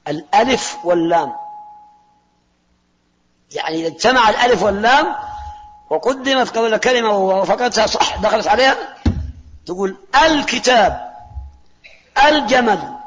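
High-voiced man teaching grammar, echoey hall. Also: expressive, moderate pace, pauses often, lo-fi sound, noisy background. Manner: questioning, repeats key terms, drills students with "ha?". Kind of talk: Arabic grammar lesson to students.

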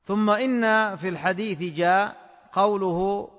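A man teaching a class on a classical text in a measured, scholarly way, repeating phrases slowly as if for dictation. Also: high voice, a bit bright, long reverb tail. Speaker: teacher of hadith commentary.

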